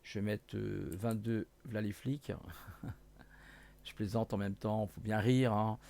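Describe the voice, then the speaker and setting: A man casually walking viewers through electronics software, hesitant with many fillers, self-corrections and jokey asides. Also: on the low side, little pitch movement, slow pace, gravelly. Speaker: hobbyist electronics youtuber. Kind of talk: casual screen-share tutorial.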